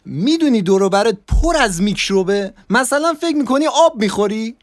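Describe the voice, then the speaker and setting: A man voicing an excitable, cheerful middle-aged father who chuckles and drops into whispers. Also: sits high, no room sound, clean studio sound, soft background music, voice pushed up. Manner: chuckling, whispering, mock-serious.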